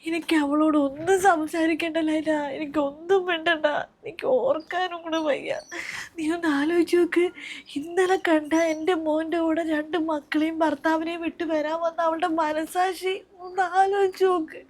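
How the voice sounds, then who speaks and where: A woman acting as a middle-aged mother in a family web drama, her voice set high. She laments loudly and turns to stern scolding, emotional and insistent throughout. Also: steady tone, normal speed. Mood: distraught.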